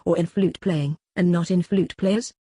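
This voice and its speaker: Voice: medium pitch, fairly even intonation, mellow, husky, no room sound, studio quality. A reader voicing an aged philosopher cross-examining. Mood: probing. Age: older. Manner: questioning, measured cross-examining delivery. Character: aged male philosopher on trial, probing, ironic. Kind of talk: dramatic reading of a classical dialogue.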